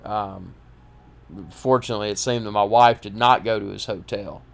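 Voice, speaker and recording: Smooth-voiced man telling his story. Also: on the low side, fairly even intonation. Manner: halting, many restarts and fillers. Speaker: podcast host recounting personal story. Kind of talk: casual first-person storytelling.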